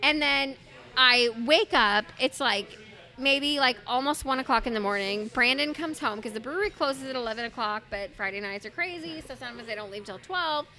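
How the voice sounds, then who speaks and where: A high-pitched woman with a bright, clear tone tells a story in casual chat. She is animated and swears freely, acting out the voices of the people in it. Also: normal speed. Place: brewery.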